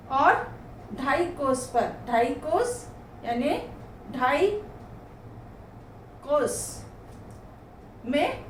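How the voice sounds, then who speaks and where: A woman teacher giving a Hindi grammar lesson, explaining slowly and saying each example word twice for pronunciation, recorded in an echoey room from a distance. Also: high-pitched, a little hiss or hum. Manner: slow, explanatory, repeats words twice for pronunciation.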